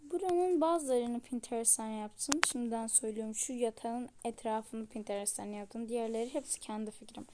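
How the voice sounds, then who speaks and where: A tired woman narrating her game casually to viewers, in soft, half-whispered asides. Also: fairly high pitch, fairly quick, few pauses, a little hiss or hum. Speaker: channel host.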